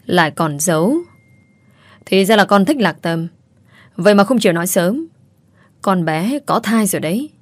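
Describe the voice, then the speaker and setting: A woman voicing a bossy, quick-tempered middle-aged mother. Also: mid-range voice, animated, no echo, natural voice. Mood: scolding. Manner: scolding, emphatic.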